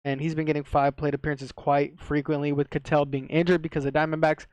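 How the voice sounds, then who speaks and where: Male sports tipster, slight retainer lisp, clean and smooth tone, very even pitch, casual and slangy. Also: fast, no echo. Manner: slangy, swearing, repeats himself for emphasis. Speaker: sports betting tipster, video host. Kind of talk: casual sports betting commentary to viewers.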